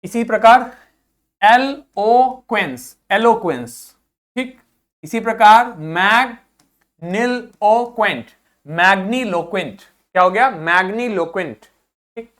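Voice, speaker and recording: A teacher giving an online vocabulary lesson to school students. They say each word slowly several times, speak to the students directly and often check in with "okay". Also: medium pitch, fairly bright tone. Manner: addresses students directly and encourages them.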